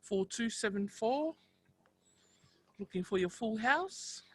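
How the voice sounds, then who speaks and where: A woman's voice: on the high side, animated, slow pace, a bit bright, breathy edge. A woman hosting a live bingo game, making set announcements and checking players' claims.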